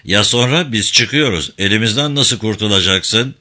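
A man's voice: fairly low pitch, moderate pace, bright, forceful tone. A man reading a novel aloud, voicing a swaggering old ex-convict who talks with boastful, bullying bluster. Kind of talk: audiobook character reading.

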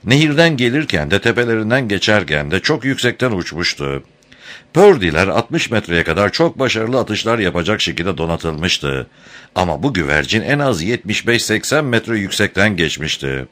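A man narrating an audiobook chapter in an expressive, dramatic reading style. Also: fairly low pitch, moderate pace. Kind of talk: scripted narration.

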